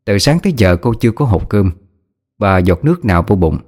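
Low-voiced male ghost-story narrator. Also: a little fast. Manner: steady, even storytelling. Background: faint background music.

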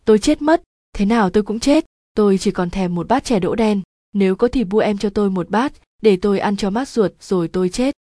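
A woman's voice: medium pitch, fairly quick, warm tone, no room sound, clean studio sound, natural voice. A woman reading the part of a dying poor village husband, in a strained, pleading voice.

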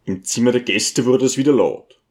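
A man reading a novel aloud as an audiobook, with expressive storytelling. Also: medium pitch, moderate pace. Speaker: audiobook reader. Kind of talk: scripted audiobook narration.

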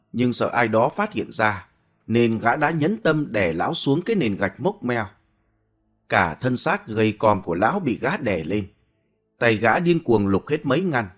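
A man narrating a horror story in a dramatic, expressive scripted reading. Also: mid-range voice, slightly rough.

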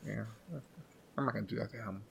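A man's voice: on the low side, fairly even intonation, fast talker, gravelly, fairly bright tone, a little hiss or hum. A man co-hosting a podcast in casual chat, rambling with lots of restarts and filler. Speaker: podcast co-host.

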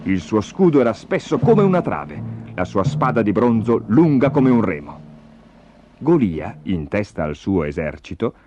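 A man narrating a story in an expressive, animated storybook style. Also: medium pitch. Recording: dull lo-fi recording with music. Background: music.

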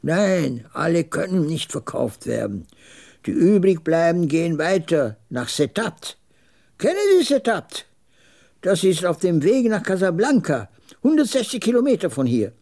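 A man voicing a proud, scornful old male camel dealer with a jagged, raspy voice in a radio story. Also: fairly high pitch, sing-song, a little slow, a little mellow, voice pushed up, heavily acted. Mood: resigned. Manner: haughty, curt, mocking.

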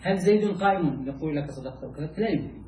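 A man teaching a lesson, who repeats phrases and keeps asking his students whether it is clear. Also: on the high side, animated, very fast, warm tone. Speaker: teacher of Islamic logic. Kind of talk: classroom lecture explaining a text. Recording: echoey room, mic at a distance, faint hiss.

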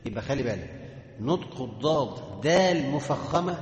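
A man with an Egyptian Arabic accent teaching Quran recitation, chanting sounds slowly and then explaining them quickly. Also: mid-range voice, lively intonation. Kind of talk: tajweed lesson to students. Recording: echoey hall reverb.

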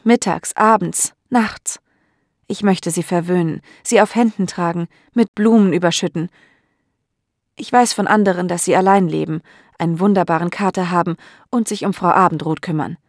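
A woman's voice: fairly low pitch, darkish tone, no room sound, clean studio sound. A woman reading out the letter of an obsessive, possessive male admirer.

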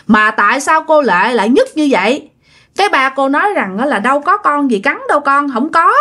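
Woman, casual ghost story narration, chatty, lively pitch swings. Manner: chatty, addresses listeners directly.

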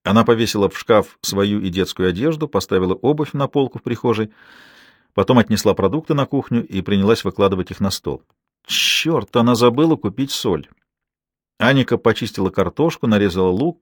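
A man narrating a novel in a measured, even reading. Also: lowish voice, no echo, clean studio sound. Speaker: audiobook narrator. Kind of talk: scripted narration.

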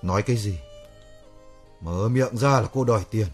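An actor playing a bitter, hot-headed young man who complains loudly in a radio drama. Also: on the low side, moderate pace, soft background music, close to an everyday voice.

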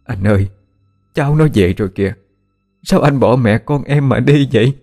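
A man's voice: medium pitch, normal speed, gravelly, a little mellow, soft background music, voice pushed up. A man voicing a grieving middle-aged widow who laments tearfully, in a told ghost story. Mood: lamenting.

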